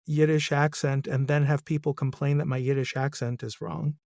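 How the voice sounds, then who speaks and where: A man's voice: fairly high pitch, level tone, normal speed, creaky, a little mellow, no room sound. Self-mocking man hosting, dry sound. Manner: musing, self-deprecating, laughs at himself. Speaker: podcast host. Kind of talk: casual interview chat.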